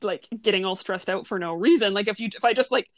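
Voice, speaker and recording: A woman's voice: medium pitch, quick pace, no room sound. A woman in her thirties talking earnestly and reflectively in a casual conversation, with lots of fillers.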